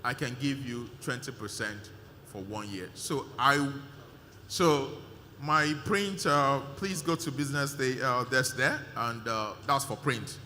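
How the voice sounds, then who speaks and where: Man, conference speech, emphatic and repetitive, bright tone, reverberant hall. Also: mid-range voice, unhurried, a little hiss or hum. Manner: emphatic, repetitive thanks with many fillers. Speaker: conference organizer giving vote of thanks. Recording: hall reverb with faint ambience.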